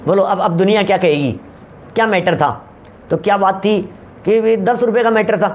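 High-voiced man giving a sermon. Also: normal speed, a little hiss or hum. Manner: storytelling with everyday examples, asks rhetorical questions. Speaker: religious preacher. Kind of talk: Hindi religious discourse.

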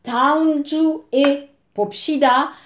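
Casting note: woman, language teacher, high bright voice, slow deliberate phrase modeling, roomy echo. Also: steady tone. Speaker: French teacher. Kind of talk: language lesson for Korean learners.

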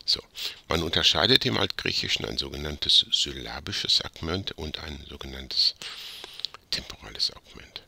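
A man's voice: extremely low pitch, lively intonation, normal speed, creaky, bright, forceful tone, slight background noise. A man tutoring in a casual grammar lesson, rambling a bit, correcting himself and joking about his own slips.

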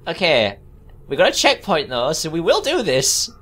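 A woman playing a video game and commentating casually, animated and exclaiming, swearing now and then. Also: normal speed. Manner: animated, exclaiming, swearing, jumps to high squeals. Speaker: let's play player.

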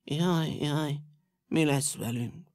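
Bickering talking shoes, voiced by a man, storybook audio, lively, bouncing pitch. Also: vocal fry, slightly rough, no echo, studio quality, full character voice. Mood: whimpering. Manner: squabbling and whimpering. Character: pair of quarrelling, whiny talking shoes.

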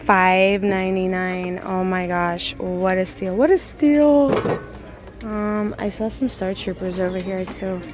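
A woman's voice: mid-range voice, fairly even intonation, takes it slowly. A woman narrating a casual shopping vlog, gushing over cute finds as she films on a handheld phone in a large indoor store. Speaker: vlogger. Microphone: handheld phone camera. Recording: crowded store background.

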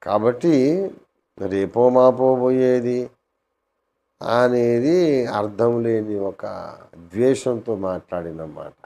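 A man in his late sixties answering questions calmly and deliberately, often asking rhetorical questions. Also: mid-range voice. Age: 60s. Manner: calm, measured, with rhetorical questions. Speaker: interviewee. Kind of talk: Q&A conversation.

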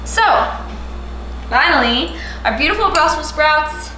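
A woman's voice: high-pitched, lively intonation, unhurried, bright, forceful tone, a little hiss or hum. A young woman in her twenties giving a casual, upbeat step-by-step cooking tutorial in her home kitchen, recorded by a camera a few steps away. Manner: chatty, upbeat, explains step by step. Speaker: lifestyle vlogger. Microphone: camera mic from a few steps away. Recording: echoey kitchen with faint music.

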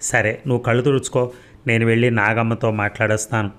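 A man's voice: medium pitch, flat delivery, quick pace, fairly bright tone, natural voice. A man voicing an anxious, caring old grandmother in an audio story, asking question after question. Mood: resolved.

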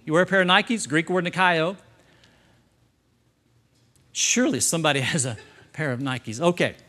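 A man's voice: fairly high pitch, moderate pace, sharp tone. A middle-aged male pastor preaching a sermon to his congregation, emphatic and engaging them with questions and light humor. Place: church service before a congregation.

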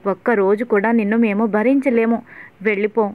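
A woman's voice: on the high side, fairly even intonation, fairly quick, no echo, lightly acted. A woman voicing an angry middle-aged mother who scolds her daughter, on tinny phone-like audio. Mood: scolding. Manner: scolding, reproachful.

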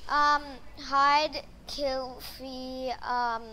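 Woman, high voice, casual gameplay commentary, rambling, excitable, faint background hiss. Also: drawn-out words, low-quality recording.

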